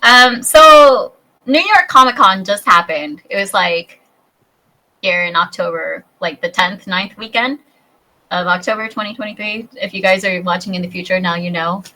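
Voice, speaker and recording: A woman's voice: moderate pace, bright, forceful tone, rough recording. A woman in her thirties chatting casually as a podcast guest, bubbly and talkative. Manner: bubbly, chatty, acts out high-pitched voices in her stories.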